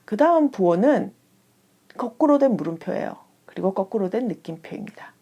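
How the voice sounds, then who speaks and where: A young woman gives an online Spanish lesson in a calm, clear way. Her voice is dark and mellow, with a gravelly, slightly husky edge. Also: medium pitch, normal speed, muffled recording, soft background music. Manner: calm, clear explanatory delivery. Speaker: Spanish teacher. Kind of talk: scripted online language lesson.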